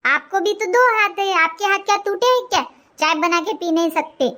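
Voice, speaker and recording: A woman voicing a sharp-tongued young daughter-in-law in a cartoon, defiant and talking back. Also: very high-pitched, moderate pace.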